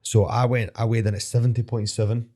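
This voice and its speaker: A man's voice: mid-range voice, flat delivery, a little fast, warm tone. A Scottish man, a fighter guesting on a podcast, telling rambling anecdotes in a casual way, swearing freely and laughing often. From Scotland. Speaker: podcast guest, mixed martial arts fighter. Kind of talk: casual storytelling interview.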